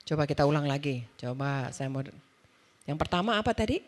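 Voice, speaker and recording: A woman's voice: low-pitched, expressive. A middle-aged woman preaching a sermon at a church women's service, telling a personal story in a conversational way and acting out the dialogue. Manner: conversational storytelling, acts out dialogue, quick asides.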